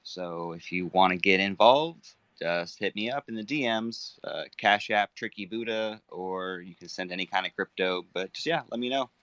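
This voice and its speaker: Deep, bright-voiced man, halting casual talk. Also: no room sound. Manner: halting, full of fillers like "like". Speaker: co-host. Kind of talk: casual chat.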